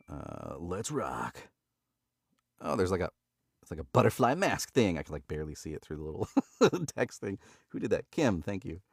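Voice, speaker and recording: Here a low-pitched, husky male voice with vocal fry moves unhurriedly, swinging widely in pitch and pausing often; allergies have left his nose stuffy. He hosts a livestream, chatting and laughing before reading a novel, correcting slips along the way. It's a studio-quality recording with no echo.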